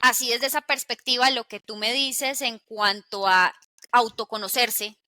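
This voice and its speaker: Bright-voiced woman interviewer, deliberate and reflective. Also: a little high, fairly even intonation, no echo.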